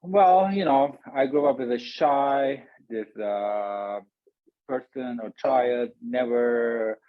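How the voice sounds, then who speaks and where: A man from Turkey, a guest speaking softly and haltingly, with small grammar slips. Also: medium pitch, dry recording. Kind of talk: casual interview talk. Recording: tinny phone-like line, dry.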